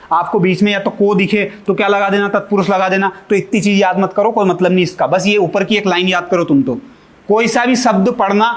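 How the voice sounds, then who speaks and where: A high-voiced man gives an exam-prep grammar lesson. He poses quick questions to the class and answers them himself, slipping in jokes. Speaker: Hindi grammar teacher.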